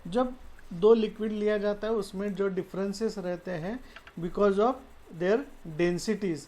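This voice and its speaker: A woman's voice: mid-range voice, steady tone, slow pace, mellow. Woman teaching science with many "okay"s. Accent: Marathi-influenced Hindi. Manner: explanatory, mixes English terms, frequent "okay" fillers. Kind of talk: classroom lecture explaining slides.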